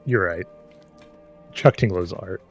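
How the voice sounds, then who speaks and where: Co-hosting a live stream, a man reads a book aloud haltingly, stumbling and adding sarcastic, profane commentary for comic effect. His low voice is creaky and slightly rough, with faint music behind it.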